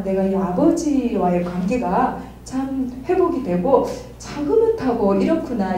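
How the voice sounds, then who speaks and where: Middle-aged woman telling her story at a church group, mellow voice, picked up from across a really echoey room. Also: medium pitch, a little hiss or hum. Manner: candid, laughs often while telling. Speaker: study group member. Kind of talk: personal testimony sharing. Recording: distant mic in an echoey room.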